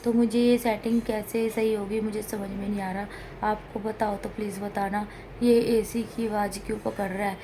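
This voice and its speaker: A woman from India talks straight to the camera in a casual home vlog, unwell and in pain. Her delivery is flat and complaining, with little rise and fall. An air conditioner hums loudly through the room behind her. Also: medium pitch, moderate pace, noisy background. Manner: plain, complaining, straight-talking. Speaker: vlogger.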